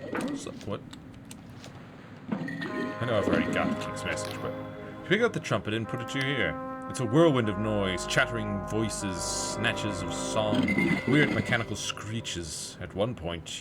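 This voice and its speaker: Male streamer narrating a gamebook, lowish voice, loud music behind. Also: normal speed. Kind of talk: second-person game narration.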